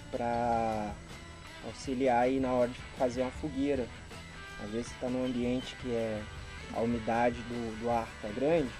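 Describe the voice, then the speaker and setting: A Brazilian-accented man in his thirties, a YouTube vlogger with a mid-range voice, unboxes items outdoors in a rural garden. He chats to camera casually and with slang, exclaiming in appreciation, filmed by a camera a couple of meters away.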